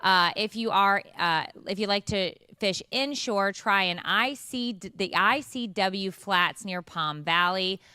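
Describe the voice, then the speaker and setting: A woman's voice: mid-range voice, takes it slowly, hardly any pauses, pushed and bright, smooth, dry recording, studio quality. A woman co-hosting a morning show, reading local news with joking asides. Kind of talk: casual chat, reading news segments.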